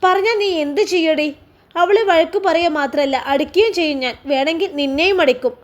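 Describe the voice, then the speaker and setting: A woman's voice: very high voice, brisk. A woman reading a spiteful, jealous young woman in a spoken story, sneering and complaining. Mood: scornful.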